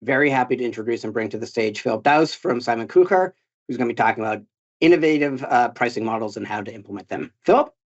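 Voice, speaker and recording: A man's voice: medium pitch, lively intonation, fast. A man hosting a webinar, giving an upbeat introduction of the next speaker. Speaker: webinar host. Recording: dull lo-fi audio from a distance.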